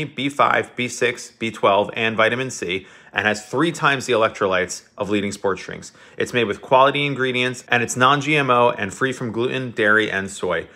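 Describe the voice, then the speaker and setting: A man's voice: mid-range voice, bright, forceful tone. A man hosting a podcast, reading a sponsor ad in an upbeat, enthusiastic way. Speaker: podcast host. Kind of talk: ad read.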